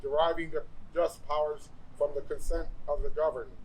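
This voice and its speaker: A man reading a historic document aloud at a ceremony in a measured, solemn manner. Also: fairly high pitch, flat delivery, low-quality recording. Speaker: ceremony reader. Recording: live event, faint background noise.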